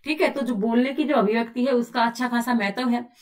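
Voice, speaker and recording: A woman teacher works through exam material, posing question after question to her listeners and then answering each one herself. Her voice sits a little high for a woman and comes across as somewhat distant from the microphone. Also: fast. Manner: explains by asking and answering her own questions, often says "bhai". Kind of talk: exam-prep lecture.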